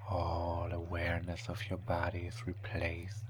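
A man whispering a hypnotic ASMR relaxation induction in a soothing, repetitive way, with drawn-out phrases and pauses. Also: sits low, completely flat delivery, background noise.

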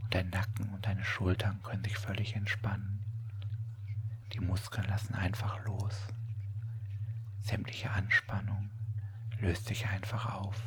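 A person whispering a soothing, repetitive sleep hypnosis narration as a whispered role-play, in a breathy, unvoiced voice. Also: low voice. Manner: soothing, repetitive, counting down in short pauses. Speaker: hypnotist guiding a relaxation.

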